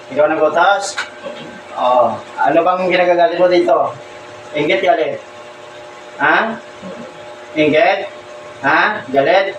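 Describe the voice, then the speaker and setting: A man's voice: fairly high pitch, lo-fi sound. A man acting as a folk healer who questions someone during a healing ritual, repeating short demanding questions again and again. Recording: echoey, distant, with loud ambient noise.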